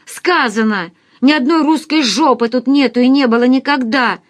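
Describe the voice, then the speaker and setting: A woman reading an audiobook, voicing a rude foreign man who yells and swears down the phone. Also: high voice, normal speed, pitched above the performer's own voice, natural voice. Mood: angry. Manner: coarse, yelling, swearing.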